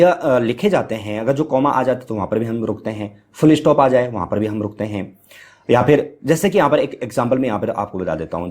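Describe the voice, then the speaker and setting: Brief: male teacher, mid-pitched voice, poses questions and answers them himself, explanatory lecture. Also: darkish tone. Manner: explains with rhetorical questions and fillers; chants Sanskrit verse at varying speed. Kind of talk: Hindi grammar lecture.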